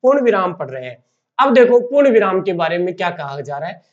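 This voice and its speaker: A man teaching a Hindi grammar lesson, explaining slowly and asking questions that he then answers himself. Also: high-pitched, expressive. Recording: dull lo-fi recording.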